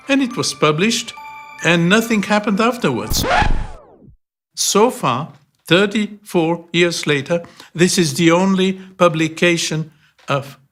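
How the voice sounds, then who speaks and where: An older man from Bulgaria speaks in a fairly high voice for a man, telling his story slowly with thoughtful pauses. A research scientist being interviewed, with soft music playing underneath. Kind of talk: documentary interview.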